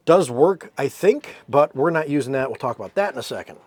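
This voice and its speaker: A man's voice: medium pitch, lively intonation, brisk, darkish tone, no echo. A man giving a casual, rambling walkthrough of his sailboat's cabin, with fillers and self-corrections. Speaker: sailboat owner giving a tour.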